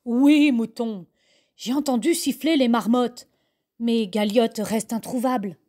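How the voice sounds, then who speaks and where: A woman voicing a steady, careful mountain ibex who firmly guides and warns the cubs. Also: fairly high pitch, a little slow.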